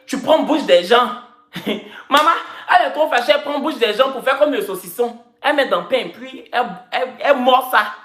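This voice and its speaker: A woman chatting casually on a live stream, teasing and repeating her phrases in a playful, joking way. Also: on the high side. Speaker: social media personality. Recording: roomy echo.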